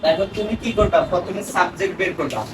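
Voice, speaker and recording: A man's voice: high-pitched, expressive, fast talker. A man teaching a spoken grammar lesson, asking his student questions and repeating the answers. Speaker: English teacher. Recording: echoey room from far off, noisy.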